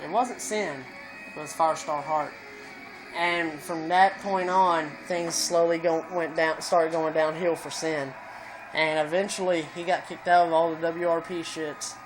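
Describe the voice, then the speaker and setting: Slightly tipsy and stoned, a man vlogging from inside his home rambles through a lengthy, foul-mouthed tale. His voice sits on the high side, the recording is poor, and music can be heard in the room.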